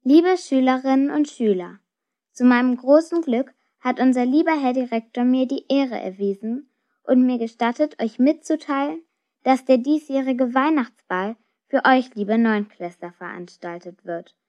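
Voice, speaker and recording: A woman's voice: high-pitched, normal speed, a little mellow, close to an everyday voice. Brief: ceremonious, self-important teacher, as a woman narrator puts him on, lo-fi. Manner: formal, pompous announcing. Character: male teacher, pompous and ceremonious. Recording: dull lo-fi recording.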